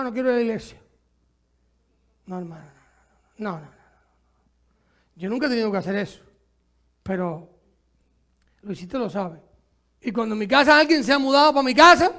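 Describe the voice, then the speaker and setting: A pastor preaching a sermon, asking the congregation rhetorical questions and drawing words out for emphasis. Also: male voice, very high-pitched, a bit bright. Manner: stretches words slowly for emphasis.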